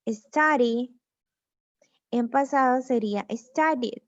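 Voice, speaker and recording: A woman's voice: fairly high pitch, no room sound. A woman teaching an online English grammar lesson, patiently explaining rules step by step. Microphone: computer mic on a video lesson. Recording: dull, dry lo-fi recording.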